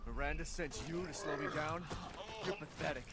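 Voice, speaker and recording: A man playing an angry, bewildered survivor hero in a video game, bitterly defiant, with loud game sound behind him. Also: on the high side, moderate pace, over a noisy crowd, lightly acted. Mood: angry contempt.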